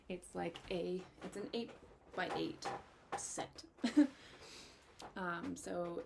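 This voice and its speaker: A young woman chatting to her viewers in a casual personal update, heartfelt and grateful, halting with many ums and getting emotional. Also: mid-range voice, a little mellow, slight background noise. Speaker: fantasy photographer and content creator.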